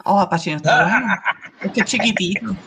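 A woman's voice: medium pitch, fast talker, fairly bright tone, slight background noise. A woman in casual group banter, playful and mixing in English.

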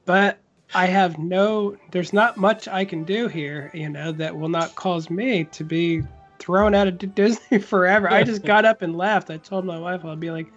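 High-pitched male podcast co-host, rambling storyteller, dull audio. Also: moderate pace, soft background music. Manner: rambling, animated storytelling with many restarts. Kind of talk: casual chat.

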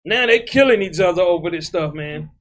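A man's voice: sits high, lively intonation, a little fast, a bit bright. A man preaching a loose, emphatic sermon, often repeating words and adding "man". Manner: repeats words while building a point. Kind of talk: street-style sermon.

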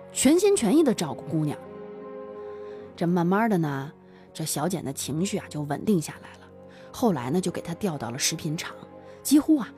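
A woman telling a story in animated chat, dramatic and full of sighing interjections. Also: medium pitch.

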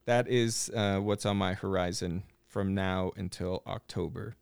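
A man hosting a podcast, talking in a loose, rambling way full of fillers and false starts. His voice is smooth and resonant. The sound is close and dry, with no room around it. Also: sits low, a little slow, no echo. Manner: relaxed, rambling, with frequent fillers and restarts. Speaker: podcast host. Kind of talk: casual chat. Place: podcast studio.

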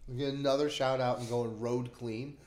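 A man's voice: medium pitch, steady tone, normal speed, a little mellow, echoey room. A man hosting a casual music podcast, talking enthusiastically with lots of fillers. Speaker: podcast host. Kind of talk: casual chat.

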